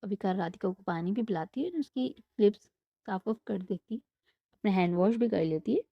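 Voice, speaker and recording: A woman's voice: medium pitch, expressive, normal speed, no room sound. A young woman telling a romantic story in a casual, chatty way, mixing in English words. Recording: dull lo-fi dry sound.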